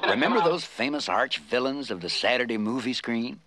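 A man's voice: mid-range voice, lively intonation, fairly quick, pushed and bright, poor audio. A man giving scripted, nostalgic documentary narration.

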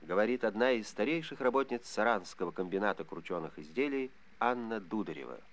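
Male announcer on the low side, formal, solemn delivery of scripted war bulletins. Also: animated, brisk.

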